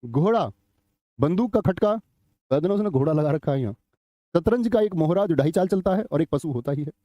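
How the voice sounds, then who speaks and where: A man's voice: fairly high pitch, expressive, a little fast, dark tone, no echo, lo-fi sound. A middle-aged man teaching a live online grammar class, chatty, telling anecdotes and quizzing students.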